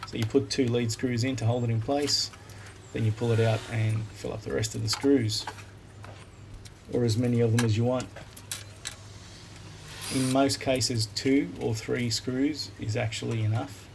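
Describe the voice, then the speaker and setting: Australian woodworker narrating his build, gravelly voice, captured on a hissy phone recorder app, relaxed step-by-step delivery. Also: mid-range voice, measured pace, long pauses. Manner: relaxed, plain-spoken, explains step by step. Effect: recorded on a phone voice recorder app instead of a microphone. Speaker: woodworking video maker. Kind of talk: casual voice-over explaining a workshop build. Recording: noisy phone voice-memo recording.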